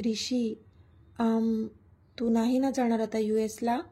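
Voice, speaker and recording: A shy, emotional young heroine from a romance storybook, as the narrator reads her. She pleads in a gentle way. The voice sits a little high, with a mellow, breathy tone. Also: flat delivery, takes it slowly. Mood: pleading.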